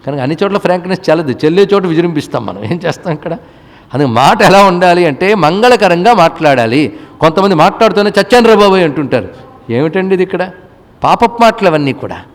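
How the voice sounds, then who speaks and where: A man with a high voice gives a devotional discourse in a hall with long reverb. He slowly chants scriptural verses between plain explanations. He keeps asking his listeners rhetorical questions. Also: animated. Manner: asks the audience rhetorical questions. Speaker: spiritual discourse speaker.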